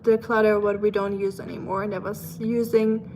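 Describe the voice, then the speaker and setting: Slight background noise accompanies a young German-accented livestream host as she chats, laughs, and reads viewers' messages, dropping in playful asides. Her mid-range voice is a little mellow, with little pitch movement, and she talks at a normal speed.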